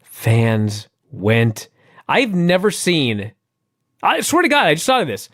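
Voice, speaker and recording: A man co-hosting a podcast in casual chat, wry and quick to laugh, swearing now and then. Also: fairly high pitch, wildly swooping pitch, a bit bright, dry recording, studio quality. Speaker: podcast co-host. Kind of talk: casual wrestling recap chat.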